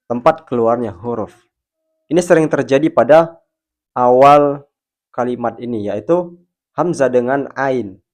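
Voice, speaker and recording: Man, recitation teacher; slow, careful lesson delivery with stretched-out example sounds. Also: mid-range voice, a little mellow. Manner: slow, deliberate explaining with drawn-out demonstration sounds. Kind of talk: tajwid pronunciation lesson.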